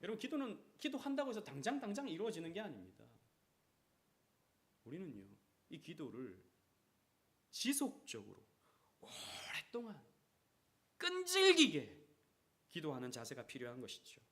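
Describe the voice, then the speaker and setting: A man's voice: on the high side, sing-song, fairly quick, long pauses. A man preaching a sermon as pastor, acting out quoted prayers and voices. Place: church sanctuary.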